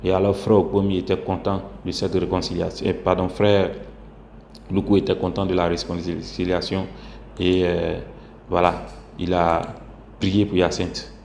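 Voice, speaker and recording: A man giving a spoken religious testimony, halting and full of fillers and restarts. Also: deep voice, monotone, gravelly, darkish tone. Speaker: testimony speaker. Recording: echoey room with faint background hum.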